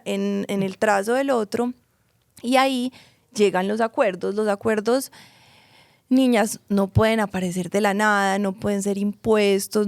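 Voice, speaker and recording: A woman's voice: medium pitch, gravelly, dry recording, clean studio sound. A woman, a psychologist guest explaining ideas in a podcast and checking that she is understood. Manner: checks understanding with tag questions.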